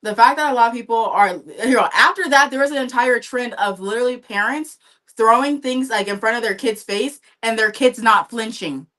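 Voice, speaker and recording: A woman on a livestream talks casually while painting, her voice bright and forward. She tells gossip in a chatty, animated way, jumping between thoughts. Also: fairly high pitch, normal speed. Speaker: livestream co-host. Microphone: livestream setup.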